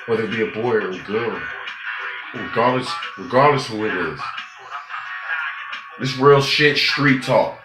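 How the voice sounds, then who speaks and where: A man giving a profane, preachy street-talk monologue, swinging between loud outbursts and low muttering. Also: unhurried, pauses often. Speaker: vlogger. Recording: roomy, with music playing behind.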